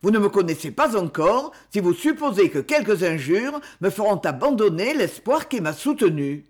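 Scheming male suitor, pleading and ironic, read by a woman in a slow, lively narrator's voice. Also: medium pitch, slightly rough. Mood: cold. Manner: pleading, ironic, restrained menace. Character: scheming man, pleading then menacing.

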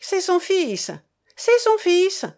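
A woman's voice: medium pitch, very animated, slow, darkish tone. A woman reading a storybook part of a pushy, mocking man who keeps repeating himself. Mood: insistent.

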